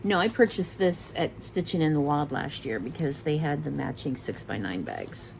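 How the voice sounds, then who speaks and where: A woman's voice: deep voice, very animated, moderate pace, gravelly, a little mellow, a little hiss or hum, rough recording. A middle-aged woman chatting casually and rambling a bit as she shows off her craft kits, often correcting herself mid-sentence. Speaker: cross-stitch vlogger. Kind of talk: casual show-and-tell chat.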